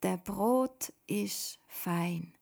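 Woman doing a halting newcomer girl, Swiss German. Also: mid-range voice, creaky, a little mellow, full character voice. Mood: earnest. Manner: slow, broken, careful phrasing. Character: foreign young woman learning to speak, halting.

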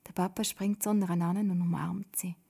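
Softly whispering woman storyteller. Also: on the low side, level tone, moderate pace. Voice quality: breathy whisper.

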